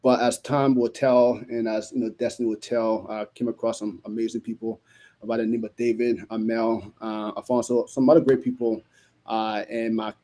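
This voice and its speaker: A man's voice: lowish voice, little pitch movement, normal speed, mellow. A man who grew up in Liberia answering interview questions in a passionate, reflective way, with frequent uhs. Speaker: guest, youth association president.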